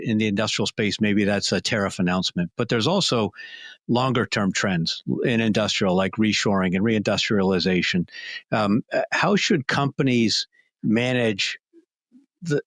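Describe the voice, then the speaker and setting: A man hosting an interview, asking quick, conversational questions and often answering with a short "right". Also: lowish voice, a bit bright, dry recording. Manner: brisk, conversational, frequent "right" acknowledgments. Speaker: podcast host.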